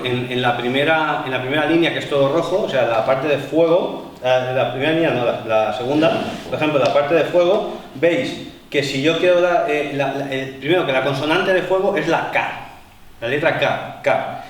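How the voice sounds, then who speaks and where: A man instructing a martial arts class, explaining to the group with many fillers and pauses. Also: a little high. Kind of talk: live seminar demonstration. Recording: echoey hall, voice from far off, faint noise.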